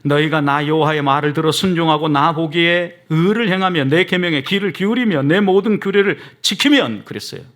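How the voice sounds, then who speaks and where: A middle-aged man preaching a sermon as pastor, often calling out to the congregation, moving between soft asides and emphatic rises. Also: a little high, brisk, hardly any pauses.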